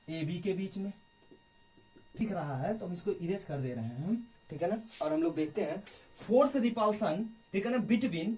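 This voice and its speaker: A man's voice: sits high, darkish tone, distant mic. A male teacher explaining a physics problem at the board, constantly asking rhetorical questions and checking in with his students. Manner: keeps asking rhetorical questions and adding "ठीक है ना". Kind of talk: physics lesson worked on a board.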